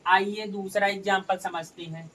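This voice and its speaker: A man's voice: high-pitched, steady tone, normal speed, pushed and bright. Male maths tutor, patient step-by-step explainer, slightly distant mic with light background noise. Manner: addresses viewers as friends, talks through each step. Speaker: maths teacher.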